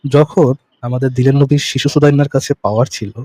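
A man's voice: medium pitch, steady tone, a little fast, mellow, dry recording. A man arguing a point in a live online debate, his voice cutting out and repeating over a bad internet connection. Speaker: guest debater. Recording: choppy online call audio with crackling hiss.

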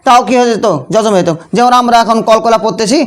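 High-voiced man teaching Quran recitation. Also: steady tone, fast, smooth. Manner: repeats questions to students and answers them himself; checks in constantly with rhetorical tag questions. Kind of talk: classroom lesson on tajweed rules.

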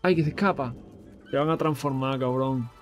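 A young man doing excitable, profane commentary on a video game he plays, breaking into sudden shouts. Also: medium pitch, normal speed, over music. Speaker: let's play host. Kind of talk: gaming commentary.

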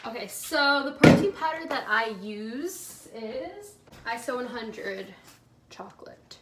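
A woman's voice: a little high, expressive, takes it slowly, very noisy. Young woman, casual vlogger, chatty and rambling, kitchen clatter behind. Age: young adult. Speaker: fitness vlogger. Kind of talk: casual vlog chat. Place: home kitchen.

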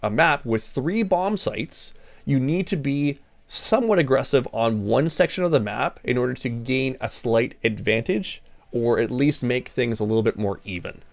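A man's voice: medium pitch, animated, normal speed, gravelly. A man coaching a player, giving direct instructions and repeating key points. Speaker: gaming coach. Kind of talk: coaching session with game review.

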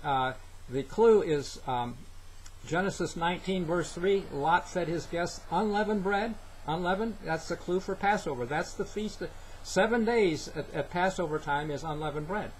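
Older man preaching, slightly high voice. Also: a little hiss or hum, rough recording. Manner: earnest, halting, with many fillers and scripture citations. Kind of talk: sermon-style Bible teaching. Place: small indoor room. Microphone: webcam, head-and-shoulders framing.

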